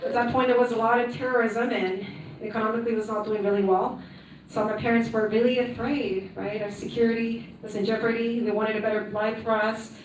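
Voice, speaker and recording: A woman's voice: fairly high pitch, little pitch movement, a little fast, a little hiss or hum. Upbeat woman speaking in an echoey hall. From Peru. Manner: chatty, upbeat, frequent "right?" asides. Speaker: conference speaker. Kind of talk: personal storytelling talk. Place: conference hall. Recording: echoey hall, mic from a distance.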